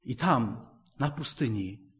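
A man's voice: medium pitch, lively intonation, slow. A man preaching a sermon, emphatic and repeating his key phrases.

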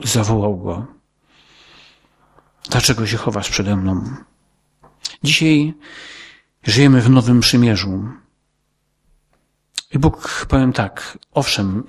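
Male preacher, husky voice, earnest and pleading, repeats himself for emphasis. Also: fairly low pitch. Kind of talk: sermon.

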